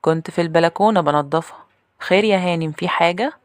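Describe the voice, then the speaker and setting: A woman voicing a calm, unsettling housemaid with an Egyptian accent. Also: lowish voice, quick pace, dry recording, studio quality, natural voice. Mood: calmly sinister. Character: creepy smiling housemaid woman.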